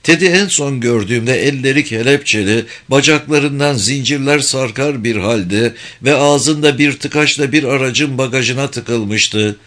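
A man's voice: mid-range voice, measured pace, hardly any pauses, a bit bright, pitched above the performer's own voice, lightly acted. A man voicing a determined woman, a former judge, speaking firmly in a raised voice.

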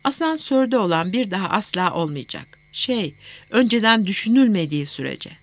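Brief: a woman voicing a cold, controlling rich young man in a storybook, curt, clipped replies, mid-pitched. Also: big pitch swings, moderate pace, no room sound.

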